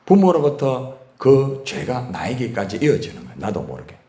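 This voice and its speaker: Korean pastor preaching in an echoey church. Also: male voice, fairly low pitch, dark tone. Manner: call-and-response questions to the congregation. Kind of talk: sermon. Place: church sanctuary.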